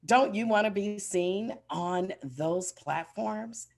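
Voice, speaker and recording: A woman's voice: medium pitch, slow pace, gravelly, a little mellow. A woman giving a motivational business keynote with polished corporate enthusiasm, speaking emphatically and straight to her listeners. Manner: emphatic, addresses listeners directly.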